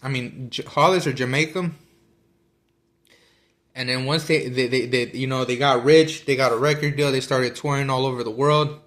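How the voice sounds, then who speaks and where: A man's voice: medium pitch, steady tone, normal speed, a bit bright. A man talking casually about a book he is reading, rambling with many fillers and restarts while he eats. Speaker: vlogger discussing a book. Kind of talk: casual chat.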